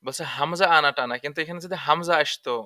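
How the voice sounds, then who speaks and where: A man's voice: a little high, fast talker, bright, forceful tone, no room sound, studio quality. A man teaching a Quran recitation lesson, spelling out letters and vowel marks one by one and repeating each rule patiently. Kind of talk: tajweed lesson explaining letter by letter.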